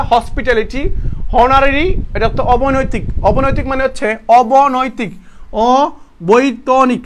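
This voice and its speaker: A man's voice: very high-pitched, fairly bright tone. A young man with a Bangladeshi Bengali accent teaching an online exam-prep vocabulary class. He repeats his questions to the students and corrects himself as he goes. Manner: repeats questions to students, talks to them as "bhaiya"; casual, self-correcting explanations.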